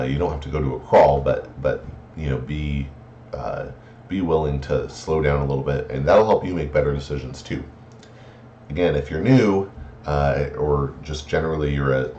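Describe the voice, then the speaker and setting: A man's voice: very deep voice, darkish tone. A man giving friendly, considerate advice in a casual instructional talk, hesitant with many fillers and restarts. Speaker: card game player giving etiquette advice. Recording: roomy, slightly muffled, faint noise.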